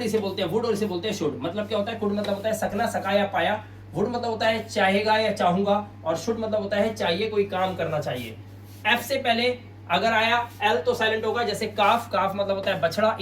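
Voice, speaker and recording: A man's voice: high voice, fairly bright tone, recorded from a distance. A man teaching an English lesson in Hindi at a board, patiently repeating each word and quizzing his listeners. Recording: roomy sound, mic set back, faint hum.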